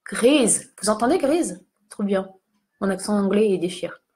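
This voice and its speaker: A woman's voice: mid-range voice, steady tone, a little fast, mellow. A young woman chatting casually while doing a makeup tutorial, self-mocking and talking to her viewers as she applies lipstick. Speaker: beauty vlogger.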